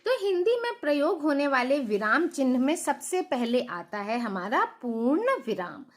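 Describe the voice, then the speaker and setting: A woman's voice: high voice, big pitch swings, a little slow. A middle-aged woman teacher giving a patient grammar lesson to children, asking questions and repeating the key points.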